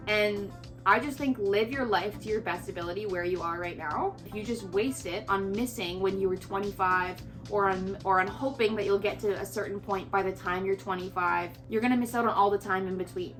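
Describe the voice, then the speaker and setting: Chatty young woman giving life advice. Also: medium pitch. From Canada. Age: 20s. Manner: chatty and earnest, with frequent "like" fillers. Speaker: lifestyle creator. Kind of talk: casual advice vlog to camera.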